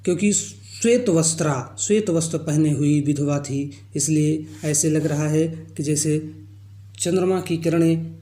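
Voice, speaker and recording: A man's voice: a little high, unhurried, mellow. A male teacher who recites lines of a poem and then explains each one in plain words. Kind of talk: explaining a Hindi poem line by line. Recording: echoey room.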